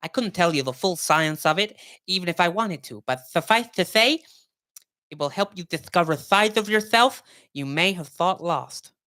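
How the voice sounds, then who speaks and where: A man's voice: high-pitched, expressive, moderate pace, dry recording, pitched above the performer's own voice. A man doing a lisping young teen girl. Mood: persuasive. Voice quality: exaggerated lisp. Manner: gently persuasive. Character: calm, earnest girl of about fourteen. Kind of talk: reading a game epilogue aloud.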